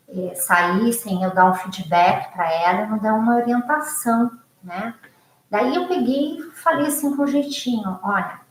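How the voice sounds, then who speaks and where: Brazilian woman, psychologist, casual talk to students, echoey room, faint noise. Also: on the high side. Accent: Brazilian Portuguese. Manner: warm, conversational, many "né?" tag questions. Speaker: psychologist and teacher.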